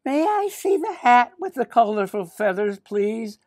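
An older man voicing a polite, dreamy little girl shopping for a hat in a storybook, his voice raised high and sweet. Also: sing-song, a little slow, darkish tone, dry recording, clean studio sound, full character voice.

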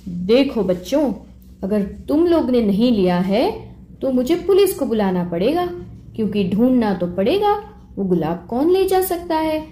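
Give me a woman playing a kind, firm father, gently lecturing, with a slow, mellow voice. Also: fairly high pitch, very animated, slight background noise. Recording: roomy echo.

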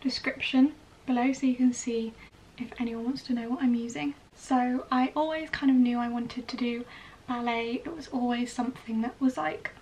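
Her fairly high, darkish voice holds a steady tone at normal speed as she gets ready on camera. She's a young Welsh woman, a vlogger and ballet dancer in training, recording in a small bedroom with a slightly distant mic and clearly noisy surroundings.

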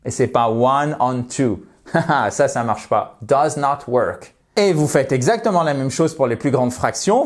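A man teaching English pronunciation in an online lesson, talking viewers through examples and drawing out each English word slowly and clearly. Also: mid-range voice. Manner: slows down and exaggerates English words for pronunciation; encouraging, addresses viewers directly.

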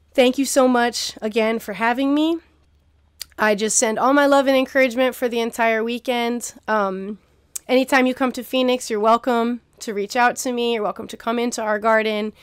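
A young woman, somewhat high-pitched, speaks earnestly and warmly encouraging to her listeners, repeating phrases to drive them home. Her voice is smooth and resonant. The recording is dry and close, made at home on a computer mic. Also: fairly even intonation, normal speed, no room sound. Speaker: keynote speaker, garden teacher. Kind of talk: recorded keynote talk. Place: indoor room at home, video recording.

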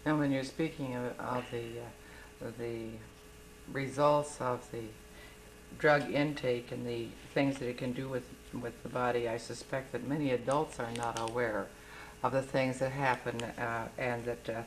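A woman with an unusually low voice puts long questions to a guest, pausing and restarting as she goes. A faint hiss of old TV film runs beneath her. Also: steady tone, rough recording. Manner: hesitant, many fillers and restarts. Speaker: interviewer. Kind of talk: TV interview questions.

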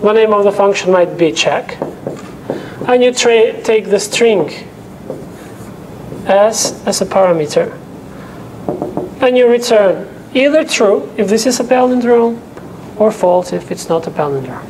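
A young man with a high, animated voice teaches a bit slowly, leaving long pauses, as a teaching assistant using English as his second language. He explains step by step and frequently asks "okay?" to confirm students are following, in a lecture room with a projector and whiteboard. He wears a lapel mic, and the background is noisy.

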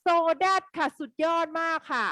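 A woman teaching an English grammar lesson live online, quizzing her students in a lively way. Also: extremely high pitch, measured pace, dry recording.

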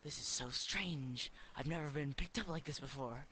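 A timid little potato who labors on a farm and frets aloud to himself, as a man puts him on. The voice sits a bit high and worried, and faint ambient hiss lingers behind it. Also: normal speed, pushed and bright. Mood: fretful. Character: meek put-upon male potato farmhand.

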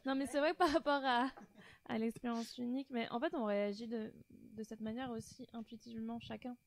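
Woman cohosting a stream, kinda high voice, lots of euh, dry sound. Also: fairly even intonation, a little fast, no echo. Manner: hesitant, many fillers, laughs easily. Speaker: stream co-host. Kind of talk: casual chat.

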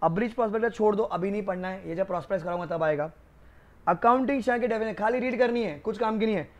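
A man's voice: high voice, racing. A man with a Rajasthani Hindi accent giving a casual, joking law lecture and calling his students kids. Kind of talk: casual classroom lecture with stories. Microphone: new microphone.

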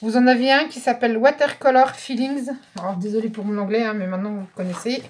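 A woman's voice: mid-range voice, very fast. A French woman vlogging a craft haul, chatting casually and thinking aloud as she pages through paper pads. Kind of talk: casual show-and-tell.

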